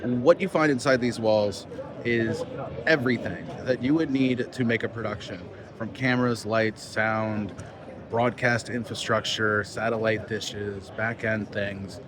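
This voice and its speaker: Guy with a kinda low voice doing an off the cuff vlog on his phone mic, lots of people in the background. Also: steady tone, measured pace. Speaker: vlog host, film sound mixer. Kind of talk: casual vlog to camera. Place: busy convention venue. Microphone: phone's built-in microphone. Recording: busy crowd noise, phone microphone. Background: crowd chatter.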